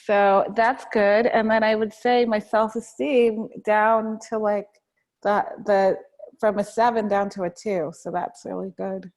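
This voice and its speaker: A woman tapping practitioner who leads slow spoken affirmations, then chats and giggles with her co-host. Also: medium pitch, level tone, darkish tone. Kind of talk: guided tapping affirmations, then casual chat.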